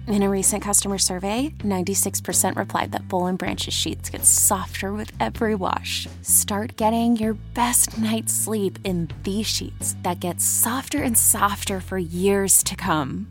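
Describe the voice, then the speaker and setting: A woman reads an advertisement in a calm, smooth voice. Soft music plays faintly behind her. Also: mid-range voice. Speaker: ad reader and voice-over translator. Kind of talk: scripted ad read.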